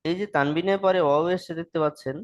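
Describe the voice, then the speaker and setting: A man teaches an online class, stretching each word of the prayer out in long chanted tones. Between recitations he explains the pronunciation quickly and plainly. His fairly high voice comes through slightly dull, lo-fi audio. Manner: slow drawn-out chanting of the prayer.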